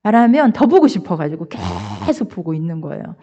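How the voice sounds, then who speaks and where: An older woman pastor preaching a sermon, telling a family story in an animated, expressive way. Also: fairly quick. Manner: animated, expressive storyteller with wide swings in pitch. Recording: dull lo-fi church recording.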